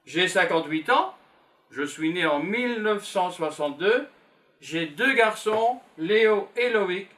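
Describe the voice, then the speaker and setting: The speaker is a French teacher, a man in his fifties from Belgium, whose high-pitched voice has lively intonation and a somewhat bright quality. In a lesson for beginners, he slowly and patiently repeats simple phrases as he writes.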